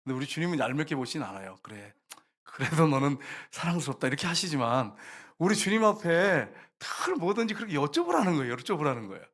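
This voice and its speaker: A man's voice: fairly high pitch, wildly swooping pitch, fast, few pauses, a bit bright. A man preaching a sermon as a pastor, talking with the congregation, asking them questions and acting out quoted prayers. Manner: conversational, asks the congregation questions and answers them himself; acts out short quoted prayers and complaints.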